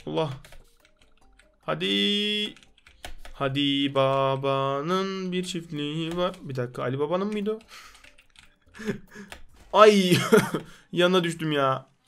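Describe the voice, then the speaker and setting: Young man, high voice, rowdy gameplay commentary, comic street talk, faint music underneath. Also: slow pace, gravelly, long pauses, a bit bright. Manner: rowdy, jokey, scolds game characters. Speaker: gaming YouTuber.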